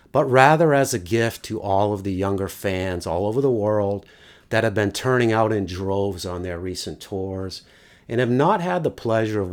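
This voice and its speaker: A middle-aged man narrating a casual, wry review with occasional mild swearing. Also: sits low.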